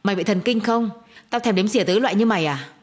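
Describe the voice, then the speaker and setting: A woman voicing an outraged young woman who shouts in quick, angry bursts, in a storybook reading. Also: mid-range voice, close to an everyday voice. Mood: furious. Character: furious, loyal young woman friend.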